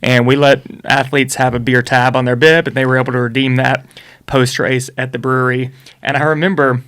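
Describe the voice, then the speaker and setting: A man's voice: mid-range voice, level tone, fairly quick, a bit bright, clear, resonant tone. A man race director hosting a casual podcast from an office, easygoing and joking, sometimes correcting himself mid-sentence.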